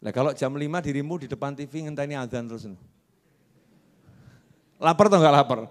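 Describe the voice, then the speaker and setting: A man's voice: on the high side, brisk. A man preaching a religious lecture, asking the audience questions and answering them himself. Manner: acts out characters in anecdotes with shifting voices.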